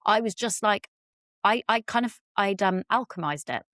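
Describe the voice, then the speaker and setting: Animated, candid British woman. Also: medium pitch, normal speed, no echo, studio quality. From Britain. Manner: animated, swearing, acts out quotes in raised voice. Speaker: guest, relationship expert. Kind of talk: candid conversational interview.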